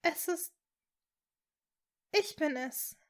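A woman voicing a desperate, tearful young witch who pleads in a high, sobbing voice. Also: lively intonation, drawn-out words, full character voice.

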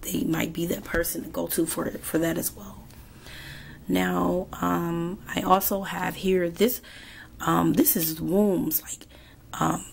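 Woman tarot reader, sore throat, hoarse and hesitant, lowish voice. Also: slight background noise. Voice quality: hoarse, half-whispered. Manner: slow and hesitant, many ums. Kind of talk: monthly tarot reading.

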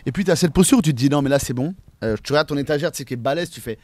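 A man's voice: fairly high pitch, rapid-fire, darkish tone, dry recording. A young adult man hosting a casual roundtable podcast, talking in a rambling way with lots of fillers and restarts. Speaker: podcast host.

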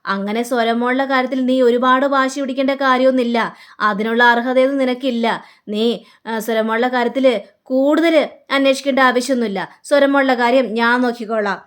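A quick-tempered young husband, as a woman storyteller puts him on, laying down the law in a scolding tone. The voice stays in her own fairly high register, with little attempt to deepen it. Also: fairly even intonation, clean tone, close to an everyday voice. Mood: stern.

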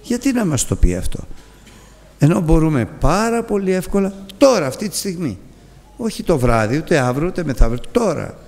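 Gravelly, animated man preaching in a hall. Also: on the high side. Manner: animated, pleading rhetorical questions. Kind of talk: sermon.

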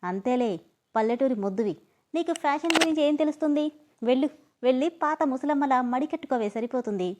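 A woman's voice: high-pitched, lively intonation, brisk, background noise. A woman reading a story aloud, voicing a bossy young man who mocks and teases. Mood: mocking. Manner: mocking and domineering.

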